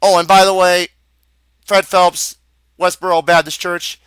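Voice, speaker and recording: Young man, angry vlog rant, profane, stammering, bright forceful tone, fairly high voice, dry close sound. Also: flat delivery, measured pace, clean tone, dry recording. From United States. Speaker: vlogger.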